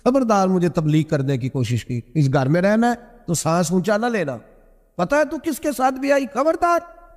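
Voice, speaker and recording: A man's voice: a little high, big pitch swings, darkish tone. A man voicing a stern, proud saint husband who scolds and threatens his wife, in a reverberant hall. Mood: scolding. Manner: commanding, threatening.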